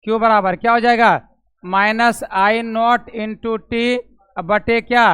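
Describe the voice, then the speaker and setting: A man's voice: very high voice, flat delivery, slow, fairly bright tone, clear, resonant tone, dry recording. A man teaching physics to a classroom of students, questioning them, repeating each step aloud and calling on them by name, with a Bihari Hindi accent. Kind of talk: classroom lecture.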